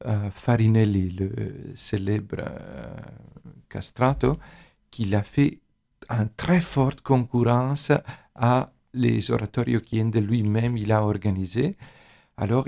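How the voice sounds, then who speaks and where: A man speaks French with a foreign accent, his first language being Italian, in a gravelly, creaky voice. He explains like an interviewed expert, pausing often to hunt for the right word. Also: mid-range voice, a little mellow. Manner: halting, searching for words in imperfect French. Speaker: musician interviewed as expert on organ music.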